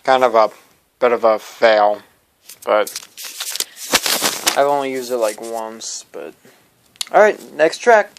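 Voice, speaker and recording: A man's voice: mid-range voice, lively intonation, slow, vocal fry, pauses often, noisy background. A man casually showing his hobby collection to viewers, rambling and stumbling over his words as he goes. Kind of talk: casual show-and-tell vlog.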